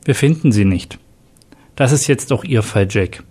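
A man voicing a wary male police partner in a read-aloud crime story, speaking in a hushed, confiding way. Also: medium pitch, expressive, a little slow, slightly rough.

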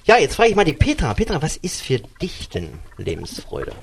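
A man hosting a live radio chat show, talking haltingly with many fillers and restarts. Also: a little high, wildly swooping pitch, gravelly, slight background noise. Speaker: radio host.

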